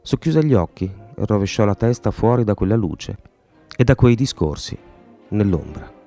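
A man narrating a literary novel in a measured, expressive audiobook reading. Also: lowish voice, soft background music.

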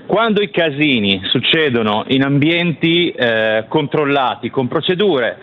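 A man calling in to a radio show over the phone, chatting casually and telling lively anecdotes. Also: medium pitch, unhurried. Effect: over the phone line. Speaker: caller. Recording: muffled phone line with faint background noise.

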